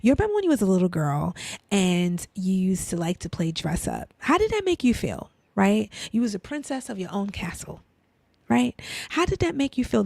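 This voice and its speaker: Her voice is medium-pitched and creaky, captured in a dry recording. A faith and lifestyle speaker with a Brooklyn accent, she gives an informal inspirational talk, asking rhetorical questions, tossing in "right?" and "you know," and sometimes lowering to a gentle near-whisper.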